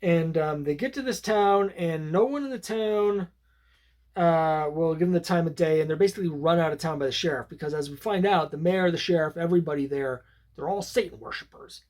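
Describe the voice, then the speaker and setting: A man's voice: fairly high pitch, brisk, a little mellow. A man casually reviewing an old comic book, talking in a rambling, conversational way with many fillers and restarts.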